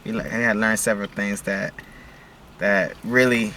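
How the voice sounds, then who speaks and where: Very bright-voiced easygoing man. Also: on the low side, fairly even intonation, moderate pace, slight background noise. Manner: easygoing, laughs often, many fillers. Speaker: vlogger, father. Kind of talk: casual chat.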